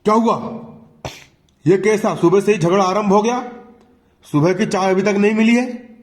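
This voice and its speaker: A man voicing an indignant older father-in-law in a retold school play, asking sharp questions. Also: sits high, normal speed, pitched above the performer's own voice, natural voice. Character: stern older father-in-law, quick to anger.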